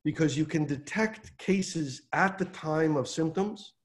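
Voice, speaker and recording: A man in his sixties hosts a town hall from his home over a video call, explaining policy in animated, quick bursts. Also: on the high side. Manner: animated, gestures with his hands, fast bursts. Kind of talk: explanatory advocacy talk. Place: home room by a window. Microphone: video call webcam.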